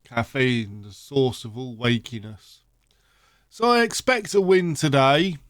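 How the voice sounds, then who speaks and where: Slow, sleepy gamer. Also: male voice, medium pitch, no room sound, clean studio sound. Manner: rambling, relaxed, thinks aloud with fillers. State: sleepy, yawning. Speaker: gaming channel host. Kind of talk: casual let's-play commentary.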